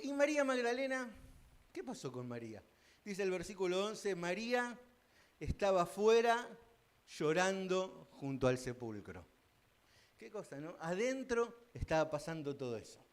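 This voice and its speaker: A man with an Argentine accent preaches from the pulpit of a church. His voice sits a little high and he talks folksy and joking. It rises in loud bursts and drops to hushed asides. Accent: Argentine Spanish. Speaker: pastor. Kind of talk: sermon. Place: church sanctuary.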